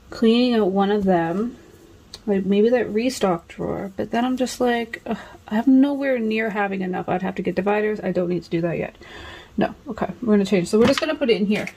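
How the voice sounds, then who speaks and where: In her home nail studio room, a woman in her thirties vlogs about nails in a mid-range, darkish voice, rambling and second-guessing herself as she thinks aloud. The audio is poor, with clear background noise and clicks.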